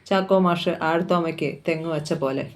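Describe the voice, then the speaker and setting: A woman reads a novel aloud, narrating in the first person in a steady, sorrowful storytelling manner. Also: deep voice, moderate pace, a little hiss or hum. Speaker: novel reader.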